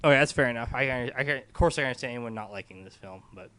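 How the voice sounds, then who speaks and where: A man hosts a casual group film review with a medium-pitched voice. He sounds tipsy, rambling along and tripping over his words as he steers the chat. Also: fast, noisy background. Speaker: host of a drunk film review show.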